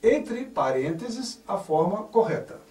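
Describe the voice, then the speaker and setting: A high-voiced man teaches grammar at a slow, deliberate pace, leaning hard on each corrected word. His voice rises and falls a lot. He sits back from the mic in an echoey room. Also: big pitch swings, warm tone, far from the mic. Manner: spells out words carefully, stressing correct forms.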